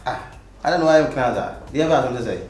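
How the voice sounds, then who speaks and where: A man's voice: mid-range voice, animated, very fast, roomy sound, very noisy, close to an everyday voice. A man playing a pleading Ghanaian boyfriend. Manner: pleading, protesting. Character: jobless boyfriend begging not to be thrown out. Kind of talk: Twi film acting.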